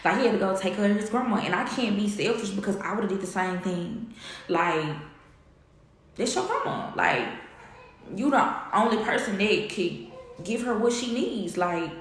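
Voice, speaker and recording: A woman's voice: medium pitch, normal speed. Candid woman telling an emotional story, echoey room. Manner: candid, animated, quotes others in dialogue. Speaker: vlogger.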